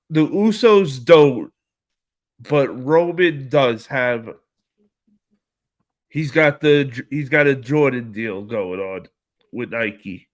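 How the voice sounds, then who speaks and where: A man hosts a casual live stream, reading out viewer comments and answering each one in loose, slangy talk. He speaks at an unhurried, drawn-out pace. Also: mid-range voice. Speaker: livestream host reading chat.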